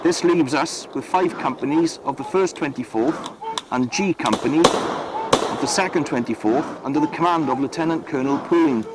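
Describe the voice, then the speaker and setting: A man, a living historian, retelling a battle in the first person as a soldier, in a measured, earnest way. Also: fairly high pitch, heavy background noise.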